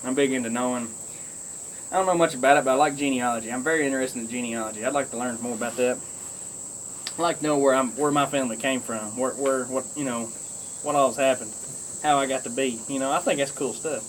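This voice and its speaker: A man's voice: mid-range voice, steady tone, fast, a little hiss or hum, rough recording. A man with a rural Kentucky Southern accent, chatting casually and folksily to viewers in a rambling way while smoking a pipe. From Kentucky, United States. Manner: folksy, drawling country speech. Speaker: pipe-smoking video blogger.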